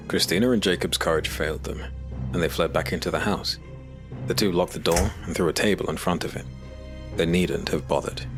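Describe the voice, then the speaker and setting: A male narrator tells a dark fantasy story in a measured, even way. His voice sits very low. Soft music plays faintly behind him. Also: vocal fry. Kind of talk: scripted narration.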